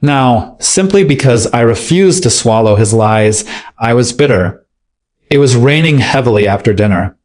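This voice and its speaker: A man narrates a dramatic story in a steady, measured reading voice. His pitch sits in an ordinary middle register, and he keeps the telling scripted and even.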